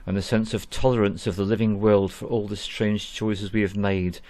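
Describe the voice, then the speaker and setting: Guy with a lowish voice talking slow and meditative, dry close sound. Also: flat delivery, darkish tone, no echo. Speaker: spiritual vlogger. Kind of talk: calm reflective narration. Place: small room at home.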